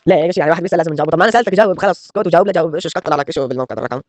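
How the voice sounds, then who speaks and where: A man's voice: on the high side, very fast, darkish tone. A man, evasive and insistent, in a comedic skit.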